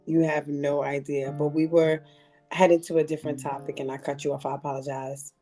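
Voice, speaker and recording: Low-voiced woman chatting on a podcast. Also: brisk, faint music behind. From California. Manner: animated storyteller, jumps between tangents. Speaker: podcast co-host. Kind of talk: casual chat.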